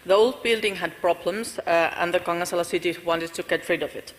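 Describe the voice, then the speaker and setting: A woman's voice: lowish voice, brisk. A woman with a Finnish accent giving a conference talk about her village as a volunteer, speaking carefully. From Finland. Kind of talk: conference presentation. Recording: reverberant conference hall.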